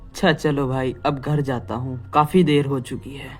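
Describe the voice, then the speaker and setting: A woman's voice: very deep voice, fairly even intonation, normal speed, soft background music, pitched below the performer's own voice. A woman voicing a young educated man who talks in a joking, dismissive way in a horror story. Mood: tired.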